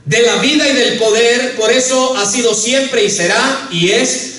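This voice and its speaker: High-voiced preaching pastor, echoey hall. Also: male voice, unhurried, sharp tone. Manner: earnest preaching, repeats "hermano", rises to emphatic peaks. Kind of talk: sermon. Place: church sanctuary. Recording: echoey church hall, mic at a distance.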